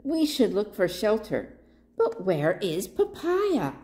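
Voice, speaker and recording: A woman voicing a caring female giraffe in a picture book who speaks with gentle worry. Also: medium pitch, huge pitch swings, slow. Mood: concerned.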